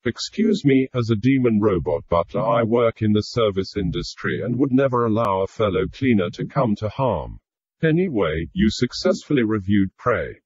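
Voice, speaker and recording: A man's voice: fairly low pitch, animated, normal speed, a little mellow, slightly rough, no echo. A man voicing a polite male demon robot butler who speaks in a formal, announcer-like way. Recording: dull, dry lo-fi sound.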